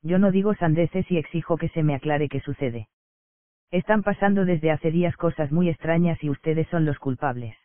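Preso furioso que reclama a los guardias, lo lee un hombre, voz algo aguda, audio de telefono. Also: male voice, fairly high pitch, normal speed, no room sound, lightly acted. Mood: indignant. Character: indignant male prisoner defying his guards. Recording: dry, tinny phone-like sound.

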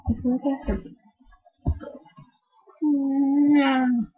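A teenage girl ranting and gushing in a casual vlog, rambling and excitable. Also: on the high side, slightly rough, dull audio. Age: teens. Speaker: vlogger.

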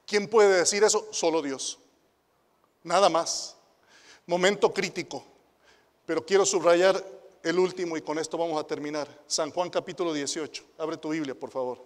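Man, Mexican accent, high voice, youth pastor, sermon, rhetorical questions, hushed asides and loud emphatic declarations, long hall reverb. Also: normal speed, pauses often.

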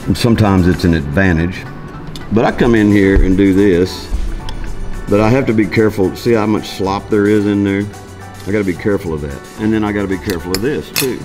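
A welding instructor in his fifties, with a lowish voice and a brisk pace, demonstrates hands-on in a large metal workshop. He talks plainly and folksily, thinking aloud as he goes, and a music bed runs under the recording.

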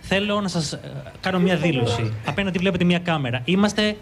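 Male field reporter, high voice, jokey showman, live outdoor street spot. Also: expressive, a crowd in the background.

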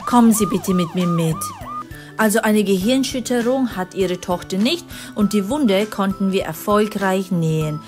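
A woman voicing a relaxed, blunt male doctor in a kids' animated story. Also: mid-range voice, normal speed, soft background music, voice pushed down, lightly acted. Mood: offhand. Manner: casual, dismissive.

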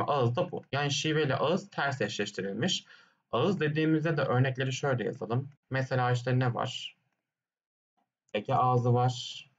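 Going question by question through an exam, a man teaches step by step, quizzing himself and then answering, with a hummed "dın dın dın" between points. His pitch is medium and the sound is lo-fi.

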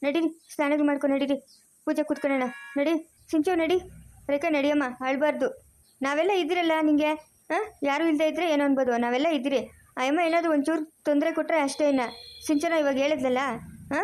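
A warm but firm motherly cartoon woman, voiced by a woman who keeps repeating comfort. She talks quickly in a fairly high voice. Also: fairly even intonation, close to an everyday voice. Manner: fast, soothing, repeats comfort.

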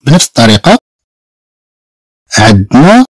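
A man with a Moroccan Arabic accent teaching a beginner language lesson, slowly repeating each word several times to drill pronunciation. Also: mid-range voice, sing-song, dry recording. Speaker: French teacher.

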